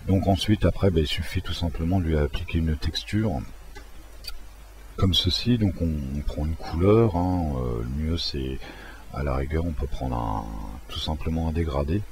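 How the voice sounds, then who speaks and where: A man walking through a software tutorial in a casual, hesitant way, with many fillers and restarts. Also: extremely low pitch, moderate pace. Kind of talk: casual screen-recorded tutorial.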